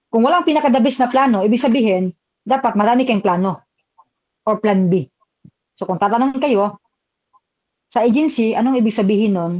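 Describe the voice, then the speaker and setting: A man's voice: high-pitched, a little mellow, no echo, highs cut off. A man with a Filipino accent giving a live online exam review lecture, chatty and switching between languages as he reads out viewer comments.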